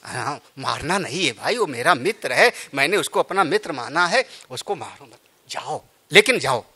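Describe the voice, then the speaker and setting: A man's voice: on the high side, expressive, moderate pace, sharp tone, breathy edge, exaggerated voice. A man voicing Lord Rama, a divine king, in a raised, ringing tone while telling a sacred story. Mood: soothing.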